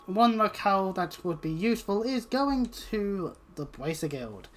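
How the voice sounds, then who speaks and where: British let's player, mid-pitched voice, sweary and sardonic rambling commentary over game music. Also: expressive, measured pace. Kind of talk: casual gameplay commentary. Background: video game music.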